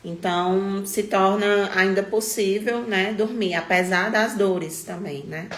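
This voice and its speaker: A woman, a mother, slowly and gently explaining her child's condition. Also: mid-range voice, steady tone. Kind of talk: personal testimony on a livestream. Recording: echoey room with noise behind.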